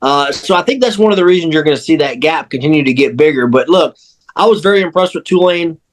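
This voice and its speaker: Fast and animated, with a fairly high-pitched voice, a male sports podcast crew member and panelist from sports radio chats casually but emphatically, driving his points home by repeating phrases.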